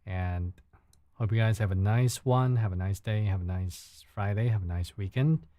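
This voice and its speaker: Chatting casually on a livestream from home late at night, a young Chinese host with a native Mandarin background speaks accented English and keeps repeating words while searching for them. The voice is lowish and mellow at a moderate pace, recorded in studio quality with no echo.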